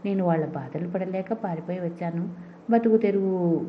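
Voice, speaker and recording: A woman's voice: fairly low pitch, normal speed, slight background noise, close to an everyday voice. A woman voicing a bitter, ruined adult male beggar in a storybook reading, mournful in tone. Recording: dull lo-fi recording.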